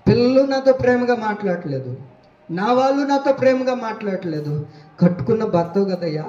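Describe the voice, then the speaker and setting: A man's voice: high-pitched, sing-song, a little fast, warm tone, highs cut off, voice pushed down. A man voicing a neglected middle-aged wife who begs her husband for kind words, in an echoey room with a distant mic. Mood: pleading. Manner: plaintive, begging.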